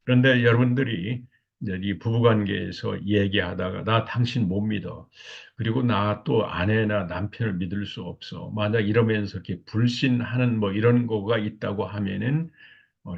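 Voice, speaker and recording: An older man giving a recorded lecture on marriage communication, halting and filler-heavy, often repeating his words. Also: fairly low pitch, gravelly, husky. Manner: halting, many fillers, repeats "이렇게" constantly. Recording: dull lo-fi recording.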